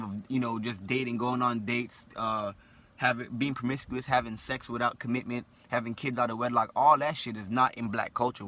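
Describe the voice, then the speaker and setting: This mid-range, bright voice belongs to a young man with a lisp who vlogs to camera. He's forceful and blunt, airing his opinions repetitively and ending almost every point with "right?"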